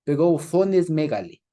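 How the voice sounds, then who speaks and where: Animated man leading a Bible study. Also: fairly high pitch. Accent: Ecuadorian Spanish. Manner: animated, laughs often, acts out voices in quotes.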